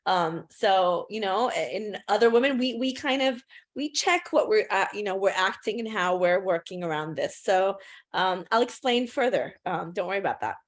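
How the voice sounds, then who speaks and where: A woman's voice: mid-range voice, expressive, normal speed. A woman in her thirties, a photographer giving a class in a chatty, self-deprecating way, with many fillers and restarts. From United States and United Kingdom. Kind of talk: casual presentation talk.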